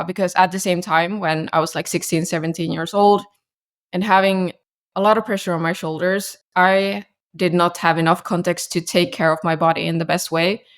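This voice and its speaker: A young woman speaks as a podcast guest in a low voice that stays fairly flat in pitch. She talks casually and haltingly, with frequent fillers and restarts. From Finland. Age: 20s. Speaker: guest, startup founder. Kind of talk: casual interview talk. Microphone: remote call.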